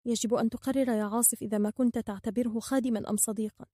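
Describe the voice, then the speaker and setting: A woman's voice: on the high side, steady tone, very fast, warm tone, no room sound, studio quality, natural voice. A woman voicing a kind-hearted, outspoken young girl who is firm yet tender. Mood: reproachful.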